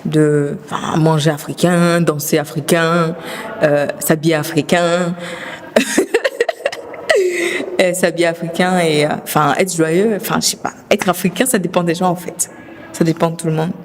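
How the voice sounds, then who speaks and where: A woman's voice: on the low side, expressive, a little slow, a little hiss or hum. A young woman answering interview questions hesitantly, with frequent giggles.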